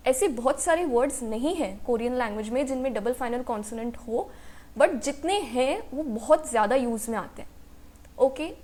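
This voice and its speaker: A woman's voice: high-pitched, darkish tone. A woman teaching a language lesson, explaining sounds step by step, repeating example words and checking in with "okay?" after each point. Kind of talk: language lesson, mixing Hindi and English.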